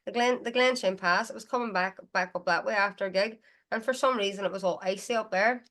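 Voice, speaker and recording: A woman with a Derry accent speaks at a medium pitch. She chats casually as a guest on an interview show, telling stories in a Northern Irish voice. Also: quick pace, fairly bright tone. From Derry, Northern Ireland. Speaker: guest musician. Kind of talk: casual chatty storytelling.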